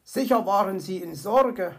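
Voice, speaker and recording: A woman's voice: mid-range voice, a little slow, close to an everyday voice. A woman voicing a greedy male fox with a stomach ache who talks in a sheepish, whiny way.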